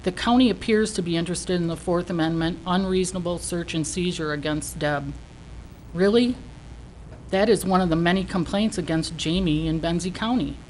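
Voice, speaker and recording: Lower-voiced woman making an emphatic complaint. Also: moderate pace, a little mellow, poor audio. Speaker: citizen giving public comment. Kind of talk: prepared speech of complaint. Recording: faint noise, meeting room.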